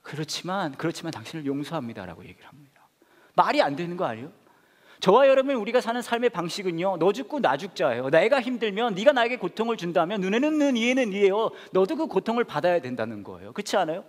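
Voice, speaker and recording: Pastor guy giving a sermon, bouncy high voice, does the voices of people in his stories. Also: quick pace, in a large hall. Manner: animated storytelling, acting out family quarrels in a high voice.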